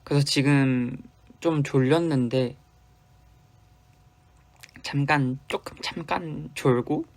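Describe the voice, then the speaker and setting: A young idol from Busan, South Korea, hosts a fan livestream in a slightly high voice, speaking slowly and pausing often. With a light Busan Gyeongsang accent, he chats loosely and playfully, answering comments and suddenly dropping to quiet murmurs.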